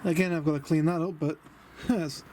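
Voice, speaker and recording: A fairly high-pitched British man speaks at normal speed with fairly even intonation, giving a rambling, chatty vlog and muttering asides to himself in an understated way. The DIY vlogger is outdoors beside a house, showing a camper van conversion by the van. The windy camera audio is noisy, with wind in the background.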